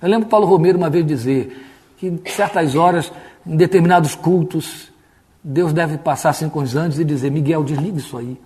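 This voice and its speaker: Higher-voiced Brazilian pastor, conversational. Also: male voice, fairly quick, darkish tone. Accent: Brazilian Portuguese. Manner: conversational, mimics stiff pompous prayer voices. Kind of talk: Bible study sermon.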